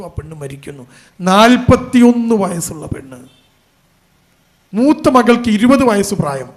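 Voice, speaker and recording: A man preaching a sermon as an Islamic preacher, telling a story with feeling and building to emphatic appeals. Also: high-pitched.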